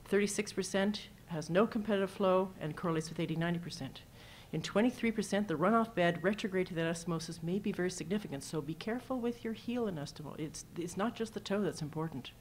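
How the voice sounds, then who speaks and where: Brief: female surgeon at a lectern, lowish voice, chatty case stories, faint rumble under the recording. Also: fast talker, few pauses. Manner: casual, anecdotal, walks through slides with numbers. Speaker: cardiac surgeon presenting at a symposium. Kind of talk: conference presentation.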